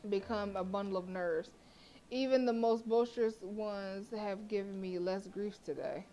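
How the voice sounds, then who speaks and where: A woman streamer reads a horror visual novel aloud in a mid-pitched voice, giving the text a dramatic delivery. She keeps interrupting with profane, joking asides. Her tone is mellow and unhurried, with soft music playing in the background.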